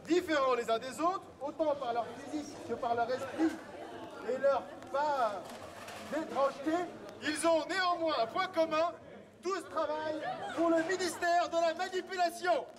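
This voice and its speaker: A man cries out like a town crier in a very high, projected voice. He declaims public notices and messages line by line. He is recorded out in an urban street, with a crowd audible around him. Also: moderate pace. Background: crowd and street sounds.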